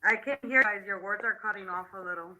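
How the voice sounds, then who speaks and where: A woman, the mother of a missing man, speaking as a guest over a glitchy phone video call whose audio breaks up and cuts out, talking haltingly. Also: mid-range voice, sharp tone, poor audio. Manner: halting, with many ums and restarts.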